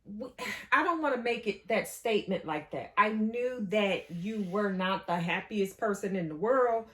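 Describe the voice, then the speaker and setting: A woman telling a story about her marriage to viewers in a casual, animated way. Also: mid-range voice, a little slow. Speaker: co-host.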